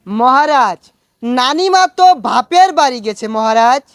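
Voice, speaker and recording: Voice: high-pitched, animated, measured pace, clean tone, no room sound, studio quality. An actor playing a fawning male minister in a comic skit, speaking. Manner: fawning, says 'Maharaj' again and again.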